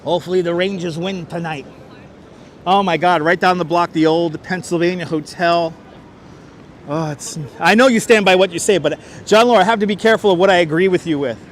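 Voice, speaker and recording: A man's voice: sits high, brisk, a little hiss or hum. A man hosting a live walking stream outdoors on a city street. He talks casually on a clip-on wireless mic, chuckles often and chats with viewers. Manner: chatty, reads chat aloud, chuckles often. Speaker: livestream host.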